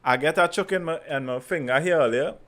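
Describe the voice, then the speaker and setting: Trini guy, bit higher pitched, animated storytelling in creole, repeats himself for emphasis, just chatting. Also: fairly quick. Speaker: podcast host. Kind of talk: casual anecdote chat.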